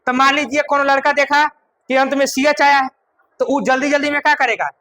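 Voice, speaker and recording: A male teacher explains a grammar rule in small steps. His voice is high and bright. He repeats key words and keeps asking if the class has understood. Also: level tone, brisk, rough recording.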